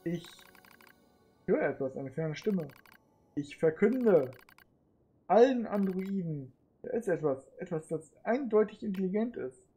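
A streamer calmly reading game narration aloud in the first person, in an even, measured manner. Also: mid-range voice, faint music behind.

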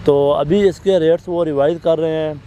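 A man's voice: fairly high pitch, steady tone, moderate pace, mellow, a little hiss or hum, rough recording. A man in his thirties with a Pakistani Urdu accent, a real estate agent steadily explaining a project's prices and figures, seated outdoors on a park bench. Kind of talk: informational property walkthrough.

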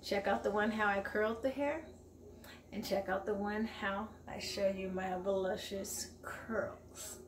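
A woman in her forties chats upbeat to her viewers in a casual grocery haul vlog, recorded on a camera held at arm's length in her home kitchen. Her voice sits at medium pitch with a steady tone and a slightly slow pace. The kitchen sounds echoey, with faint room noise.

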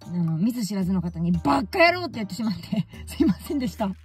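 A woman's voice: mid-range voice, rapid-fire, dark tone, husky, soft background music. A woman vlogger telling stories casually and animatedly, often exclaiming and laughing at herself. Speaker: baseball fan vlogger. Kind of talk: casual storytelling vlog.

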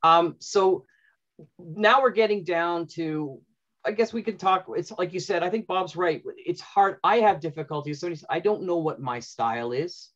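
A high, fairly bright voice at a measured pace belongs to a middle-aged panel host who also writes audio dramas. Sitting in a room at home, he thinks aloud conversationally during an informal panel, carried over dull, lo-fi video call audio.

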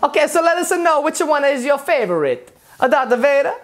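High-pitched excitable mock-Italian cartoon plumber Mario. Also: female voice, fairly quick. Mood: chatty, playful. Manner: broken grammar, exclamatory, playful scolding. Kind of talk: playful toy unboxing in character.

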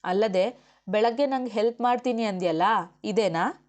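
A woman's voice: medium pitch, moderate pace, a little mellow, natural voice. A woman reading the part of an outspoken young woman officer and wife, firm and argumentative. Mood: arguing. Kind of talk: audiobook character voice.

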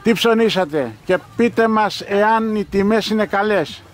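A man doing vox pop interviews as a roving reporter. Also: sits high. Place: open-air street market. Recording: busy outdoor market crowd noise. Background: market crowd.

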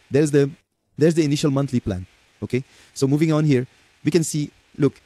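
This chatty software tutorial, recorded from the screen, is hosted by a man with a Portuguese accent who addresses viewers as folks and often says "okay" and "right." His voice is mid-range and the recording is dry.

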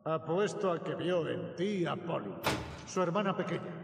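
Gravelly, protective older man, Castilian Spanish. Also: a little high, lively intonation, moderate pace. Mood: grave, probing. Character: gruff protective older man, armed survivor. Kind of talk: video game dub acting. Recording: game audio with long reverb, noise.

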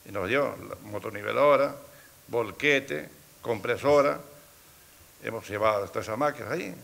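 A man's voice: lowish voice, moderate pace, gravelly, fairly bright tone. A middle-aged man, recounting events in casual talk and often repeating words as he goes. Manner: storytelling, quoting others, repeats words. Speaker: community road committee president. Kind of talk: casual spoken recollection.

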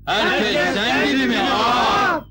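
An actor playing a flattering villager who coaxes and praises his leader. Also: extremely high pitch, slow, very noisy. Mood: coaxing.

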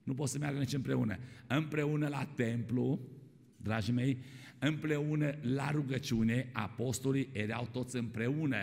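A man with a medium-pitched, gravelly, slightly mellow voice delivers a sermon. His words echo at length through a church hall as he keeps saying "my dear ones" and posing questions to the congregation.

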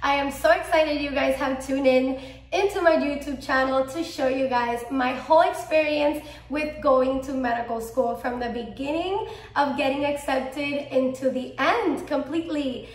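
Filming from a small room at home, a bubbly 24-year-old from Miami, Florida, vlogs casually and enthusiastically, talking with a Cuban-American accent and lots of gestures. She's a medical student as well as a vlogger. Her voice sits high, her pace is moderate, and the space is reverberant.

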